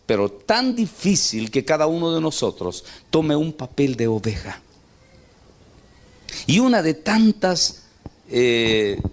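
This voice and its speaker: Lively preacher man. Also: mid-range voice. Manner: storytelling, asks the congregation questions. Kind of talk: sermon.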